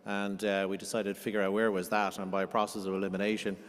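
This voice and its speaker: A man's voice: on the low side, flat delivery, fast. A middle-aged Irish man, a diplomat, giving a rambling anecdotal talk full of fillers and restarts. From Ireland. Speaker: diplomat, guest speaker. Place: cathedral. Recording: long hall reverb in a cathedral.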